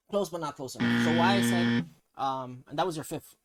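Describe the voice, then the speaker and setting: A man's voice: medium pitch, moderate pace, vocal fry, crowd noise. Teasing Toronto man hosting a slang quiz. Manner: teasing, mock-stern, slangy. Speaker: quiz host. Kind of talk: casual slang quiz banter.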